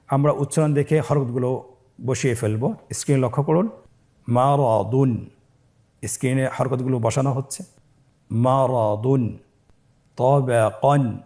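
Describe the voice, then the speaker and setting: A man teaching Quran reading, sounding out Arabic syllables slowly for learners to repeat and explaining quickly between drills. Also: medium pitch, mellow. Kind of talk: recitation lesson.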